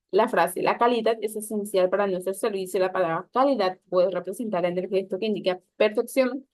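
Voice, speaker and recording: A woman's voice: medium pitch, no room sound. Woman teacher, instructive lesson read aloud with small slips, dry close recording. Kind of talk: reading a public speaking lesson.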